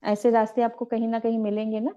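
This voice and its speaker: Gentle woman meditation teacher, mellow voice. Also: on the high side, little pitch movement, fast talker, clean tone, highs cut off. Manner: gentle, repetitive, instructive. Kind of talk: guided spiritual teaching.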